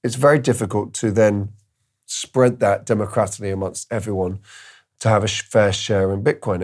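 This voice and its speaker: A man's voice: on the low side, darkish tone. A man hosting a crypto video, giving casual commentary and thinking aloud with fillers and restarts. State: tired, yawning.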